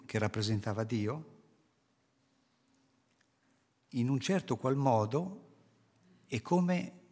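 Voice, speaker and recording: Long hall reverb colors this husky, mid-range voice as a man delivers a sermon to his congregation. Earnestly explaining scripture, he asks rhetorical questions.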